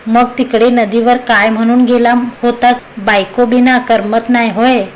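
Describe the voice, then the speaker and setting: A woman's voice: a little high, little pitch movement, unhurried, a little hiss or hum, close to an everyday voice, rough recording. A woman voicing a scolding, nagging old grandmother in a read-aloud story. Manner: nagging, teasing.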